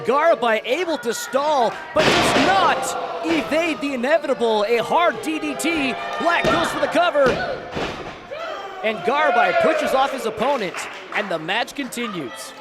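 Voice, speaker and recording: A man giving live wrestling commentary as a booming, pumped-up announcer who often shouts. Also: expressive, a little slow. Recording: loud crowd and music behind. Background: cheering crowd, music, ring slams.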